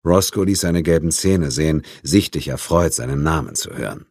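A man reads the narration of an audiobook in a measured, even way. His voice is very low and slightly husky, recorded on a close studio mic in a dry, dead space. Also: no echo. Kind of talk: scripted narration.

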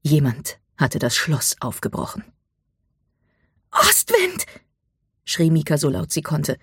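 Very husky, dry audiobook narrator voice. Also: medium pitch, normal speed, no echo. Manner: dramatic storytelling, drops to a hush for tense moments.

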